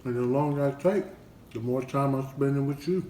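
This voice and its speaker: A man talks his way through an eating challenge on his family vlog, chatty and in no hurry. His voice sits at an ordinary middle pitch. The room is echoey, with a faint hiss behind him. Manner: relaxed, unhurried, chatty with fillers. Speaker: family channel vlogger.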